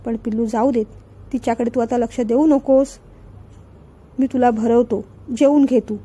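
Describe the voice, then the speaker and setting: Woman reading as a doting gentle father. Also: a little high, steady tone, normal speed, slightly rough. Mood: coaxing. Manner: soft coaxing tone.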